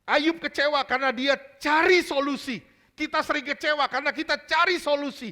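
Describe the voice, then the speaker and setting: A man's voice: extremely high pitch, steady tone, fairly quick, pushed and bright. A male pastor preaching a sermon in a church service. He is emphatic, mixes casual slang into his preaching and quizzes the congregation with repeated questions.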